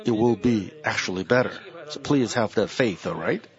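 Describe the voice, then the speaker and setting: A man's voice: lowish voice, animated, moderate pace, highs cut off. A man preaching a sermon as senior pastor, earnest and repeating his key phrases.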